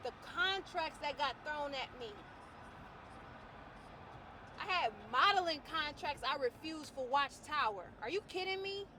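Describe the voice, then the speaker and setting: A fitness trainer and vlogger, a woman ranting to camera in a colloquial, outspoken way, swinging between loud outbursts and low, quiet musing. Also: animated, moderate pace, slight background noise. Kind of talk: personal rant to camera.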